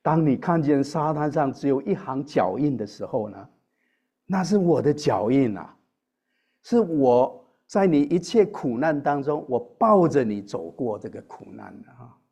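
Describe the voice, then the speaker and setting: A man's voice: medium pitch, sing-song, measured pace, dark tone, husky, full character voice. A man in a sermon voicing God speaking tenderly to a believer. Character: tender fatherly God comforting a child.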